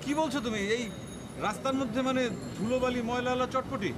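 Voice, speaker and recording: A man's voice: very high voice, fairly even intonation, crowd noise, background noise. An actor playing a nervous, fussy young man on a date in a comic TV drama. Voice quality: hurried, hesitant.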